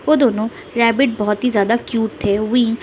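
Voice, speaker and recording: Higher-voiced woman retelling a story. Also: fairly quick. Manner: steady storytelling. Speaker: story narrator. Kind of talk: retelling fan fiction. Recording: dull lo-fi with faint hiss.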